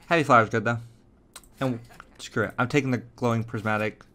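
A man's voice: mid-range voice, fairly even intonation, brisk, pushed and bright. Chatty man narrating his gameplay. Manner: chatty, thinks aloud while playing. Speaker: gaming channel host. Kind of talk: casual gameplay commentary.

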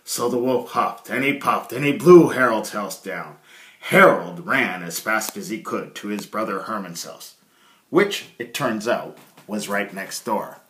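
Reading a children's story like a storyteller, this middle-aged man sounds animated and unhurried, his voice on the low side with a bit of brightness. The phone capturing him sits at arm's length in a small, bare indoor room, so the audio echoes.

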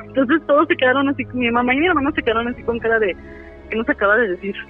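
This woman's voice is on the high side and fast. She's a caller recounting a story chattily, leaning on fillers such as "este", heard through a tinny phone connection with music behind.

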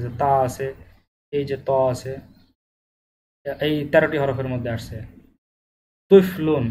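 Patient Bangladeshi man teaching slowly. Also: on the high side, a little mellow, slight background noise, low-quality recording. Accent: Bangladeshi Bengali. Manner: patient, repeats each example slowly. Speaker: Arabic teacher. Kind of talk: step-by-step language lesson.

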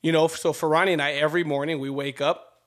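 A man in his thirties co-hosting a podcast, talking in a lively, motivational way at a desk microphone in a home studio. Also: a little high, fast. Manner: animated and preachy, gestures a lot. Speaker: podcast co-host. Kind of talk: casual podcast chat. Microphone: desk mic on a stand.

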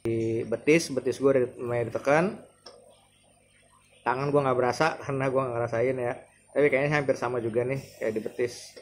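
This vlogger, a thirty-something man with a Jakarta Indonesian accent, has a mid-range voice with fairly even intonation, talking fairly quickly but leaving long pauses. He's testing a massage chair at home in the living room, musing aloud in a loose, hesitant demo. Background noise is clear, along with the room's ambience.

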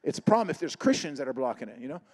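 A middle-aged man preaching a humorous sermon full of stories, acting out the dialogue in an animated way. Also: medium pitch, rapid-fire. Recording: echoing hall reverb.

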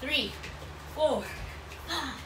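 A woman aerobics instructor with a very high voice leads a home workout in short, encouraging, repeated cues and counts. Her delivery is unhurried, and she sounds distant from the microphone in an indoor room. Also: lively intonation. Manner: encouraging, repetitive cueing while exercising. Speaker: fitness instructor leading a workout. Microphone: camera or phone several feet away. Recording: roomy, distant mic, clear background noise.

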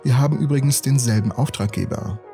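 A man voicing a poised, earnest young woman scientist in a calm, measured way. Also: medium pitch, creaky, faint music behind, pitched above the performer's own voice, natural voice.

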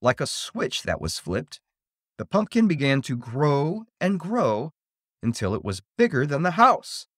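A man reading a spooky children's story aloud, in an expressive, theatrical way. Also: a little high, measured pace, no echo, studio quality.

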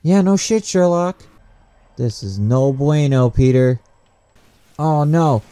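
A man's voice: on the high side, slow, clean tone, dry recording. A man giving joking, profanity-laced commentary while playing a shooter game. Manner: profane, excitable, joking to himself. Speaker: gamer. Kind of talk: live gameplay commentary.

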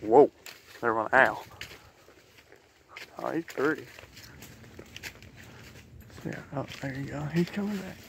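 Gravelly man riding through woods. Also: medium pitch, expressive, slow pace, pauses often, fairly bright tone. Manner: folksy, chatty, talks to his horse and to viewers. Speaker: trail rider filming his horse. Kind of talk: casual spoken vlog commentary. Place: outdoors on horseback in a forest. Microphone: head- or helmet-mounted camera mic. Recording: noisy outdoor camera audio.

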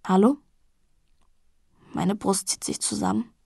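A woman reading a novel aloud in the first person, intimate and at times softly hushed. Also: medium pitch, fairly even intonation, normal speed, no echo, clean studio sound. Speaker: audiobook narrator.

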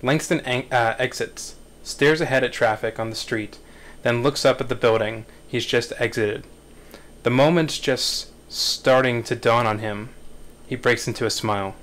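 At a table read, a man in his thirties narrates screenplay directions in a measured, halting way. His voice is medium-pitched and a bit bright.

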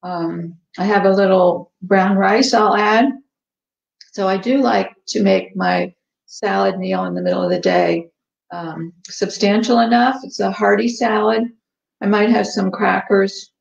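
A woman's voice: medium pitch, measured pace, vocal fry. A woman hosting a casual live cooking stream from a home kitchen, chatting with many ums and eating as she talks. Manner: relaxed, chatty, many ums, tasting and eating while talking. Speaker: cooking show host. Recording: echoey, dull livestream audio.

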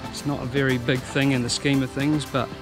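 A man's voice: mid-range voice, little pitch movement, brisk, over music, poor audio. Earnest plain-spoken New man. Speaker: sailing vlogger. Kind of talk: casual vlog narration.

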